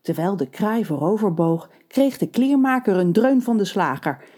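A playful female storyteller reading a scripted tale, her voice mellow and warm. She moves lively up and down in pitch, keeping the telling expressive. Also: moderate pace.

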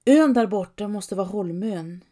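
A woman voicing a shaken, remorseful husband who speaks quietly and apologetically in a read-aloud story. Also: medium pitch, expressive, lightly acted. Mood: calm.

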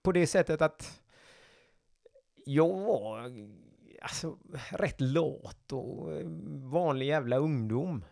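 Gravelly-voiced man telling stories. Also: a little high. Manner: lively, acts out voices in his stories. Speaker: podcast guest, former coast ranger. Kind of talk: casual anecdotal storytelling.

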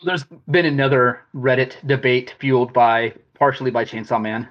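A man's voice: mid-range voice, fairly even intonation, normal speed. A man co-hosting a podcast in casual chat, rambling and slangy. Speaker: podcast co-host. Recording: dull lo-fi sound.

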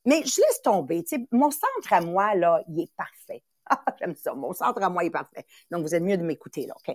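She's a podcast host and sales coach, around sixty, Italian-born with a Quebec French accent, giving an emphatic, repetitive motivational talk full of repeated phrases and acted-out little voices. Her voice is on the low side at a normal speed. There is no room sound in the clean studio recording.

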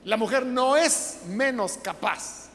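A woman's voice: on the high side, animated, slow. Emphatic woman preaching in a hall. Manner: emphatic, rhetorical questions, acts out quoted voices. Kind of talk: sermon. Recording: long hall reverb, faint background noise.

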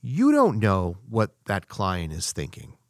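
A man's voice: huge pitch swings, slow, no echo, studio quality. A man talking through business advice in a casual, conversational monologue, acting out little dialogues as he goes. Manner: conversational, acts out quoted dialogue with rising pitch. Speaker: business speaker.

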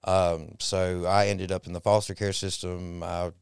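Soft-spoken man, halting testimony. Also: sits low, level tone, gravelly, clear, resonant tone, no room sound, clean studio sound. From Texas, raised in Mississippi. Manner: halting and reflective, many pauses and fillers. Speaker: guest. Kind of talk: personal testimony interview.

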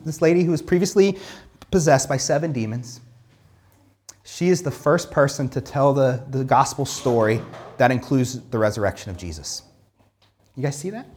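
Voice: mid-range voice, darkish tone. Casual, emphatic Bible teacher. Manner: conversational, with many "like" fillers; emphatic, builds through repeated phrases.

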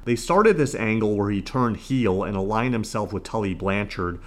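Guy with a lowish voice doing solo podcast commentary, kinda announcer-like, reading from a script, measured. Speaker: podcast host.

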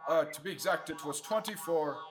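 Soft music plays behind a young man whose natural voice is fairly high and brisk. In 1930s radio serial fashion he plays an eager, adventurous space hero, earnest and gee-whiz enthusiastic, with an earnest, proud mood.

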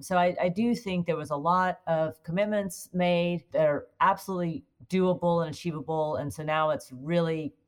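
A woman guest in an interview, explaining her work fluently with frequent "you know" fillers. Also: low-pitched. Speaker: guest, corporate affairs executive at a utility. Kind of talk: casual interview conversation.

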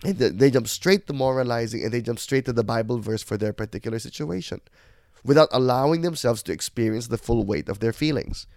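A man's voice: mid-range voice, a little fast, darkish tone, no echo, studio quality. A middle-aged man, hosting a reflective podcast monologue in a candid, self-deprecating, conversational way. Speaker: podcast host.

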